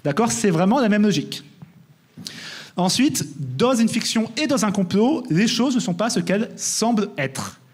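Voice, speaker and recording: A young man giving a lively conference talk, often checking in with "d'accord?". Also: high voice, normal speed, slightly rough. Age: young adult. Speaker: conference speaker.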